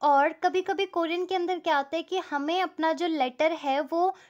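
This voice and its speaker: A woman's voice: very high-pitched, fairly even intonation, normal speed, muffled recording. A woman teaching a language step by step, patient and repeating each example.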